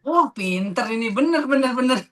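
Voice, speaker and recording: A woman teaching a tajwid class, patiently asking students questions and repeating terms slowly. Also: high-pitched, lively intonation, a bit bright. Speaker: Quran recitation teacher.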